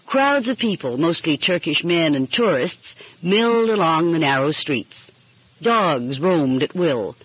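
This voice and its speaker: In scripted audiobook narration, a woman reads a mystery story aloud with a voice on the low side. The dry recording sounds muffled, dull, and lo-fi.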